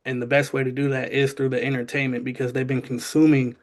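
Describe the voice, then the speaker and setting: A man's voice: mid-range voice, level tone, quick pace. A man in the audience sharing an earnest comment, hesitant with frequent ums and restarts. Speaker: audience member asking a question.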